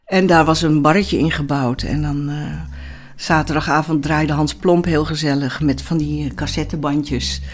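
A woman's voice: low-pitched, fairly even intonation, moderate pace. An older woman who once lived in a commune, recalling the old days in an interview, chatty and hesitant. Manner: chatty, hesitant, many fillers and restarts. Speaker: former commune resident. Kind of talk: reminiscing interview.

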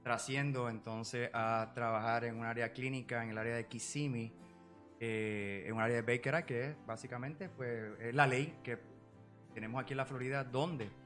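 A Puerto Rican man in his forties, a psychology professional, speaking as a podcast guest in a measured way with many filler pauses. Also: mid-range voice, fairly even intonation, a bit bright, faint music behind. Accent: Puerto Rican Spanish. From Puerto Rico. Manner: measured, full of filler "eh" and "¿verdad?" tags. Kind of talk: podcast interview.

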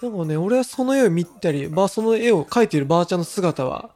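A man's voice: high voice, fast talker. A man around thirty co-hosting a podcast, telling frank, rambling stories in casual chat. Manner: relaxed, rambling, frank storytelling. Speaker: podcast co-host.

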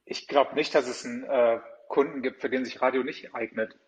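A man in a casual podcast chat explaining radio advertising in a relaxed way. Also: mid-range voice, fairly quick, low-quality recording. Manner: relaxed, addresses listener as du.

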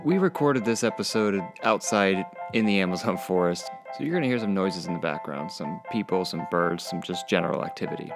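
Male host, low voice, scripted intro, earnest and measured, clear music underneath. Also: expressive. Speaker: podcast host.

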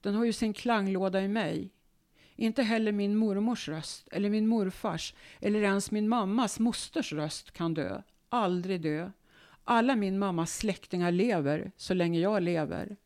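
A woman, a guest author, reading her own memoir aloud in a calm, measured way. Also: mid-range voice.

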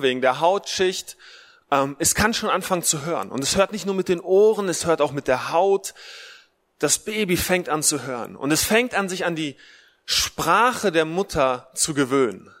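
A man's voice: on the high side, fairly bright tone. A man giving a casual, conversational sermon, with a speech impediment that leaves his R unrolled, repeating short phrases for emphasis. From Russian-German family background, Germany. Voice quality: speech impediment, cannot roll the R. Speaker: preacher. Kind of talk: casual livestreamed sermon for Mother's Day. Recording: long hall reverb.

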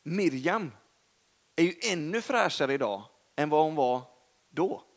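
Preaching with a Swedish accent, a young man uses a voice on the high side. His sermon is chatty and story-driven, lively in emphasis and self-deprecating.

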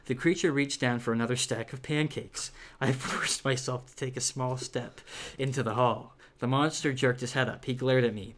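There's a little hiss or hum behind this medium-pitched male voice as he reads a children's horror book. His reading is casual, full of fillers, and regularly broken up by laughter and side comments.

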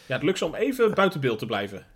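A man's voice: fairly high pitch, big pitch swings, background noise. A Dutch man co-hosting a podcast, chatting about a film with lots of filler phrases. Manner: quick, chatty, many fillers like "zeg maar". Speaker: podcast co-host. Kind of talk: casual film discussion.

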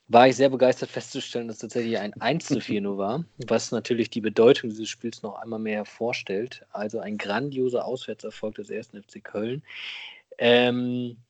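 A man speaking as a podcast guest, casually recounting things in a deliberate, somewhat hesitant way. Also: mid-range voice, no echo. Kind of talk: casual recounting of a football match.

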